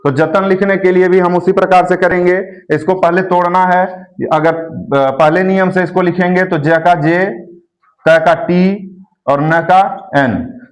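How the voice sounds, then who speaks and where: A man's voice: high voice, little pitch movement, moderate pace. A man teaching a lesson, explaining step by step and drawing out and repeating syllables. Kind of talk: classroom lesson.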